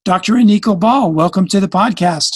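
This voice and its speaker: Recorded dry on a studio microphone, a male podcast host reads a scripted opening and then chats with enthusiasm in interview mode. His voice sits high and is slightly rough, and he talks a little fast.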